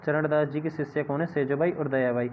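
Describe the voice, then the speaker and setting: A man's voice: a little high, fairly even intonation, brisk. A man teaching an exam-prep lesson, often asking viewers a question and answering it himself. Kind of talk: classroom-style exam lesson. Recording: tinny phone-like audio with faint hiss.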